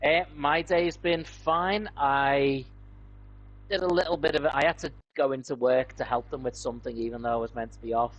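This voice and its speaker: A man's voice: medium pitch, fairly even intonation, normal speed, lo-fi sound, a little hiss or hum. A man co-hosting a casual chat, easygoing, with some stumbling restarts. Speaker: co-host.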